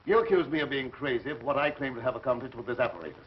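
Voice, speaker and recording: An actor playing a grandiose, resentful mad scientist in an old horror film, speaking formally and theatrically with menacing politeness. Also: male voice, medium pitch, racing, a little hiss or hum, close to an everyday voice. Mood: scornful, menacing. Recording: muffled old film soundtrack.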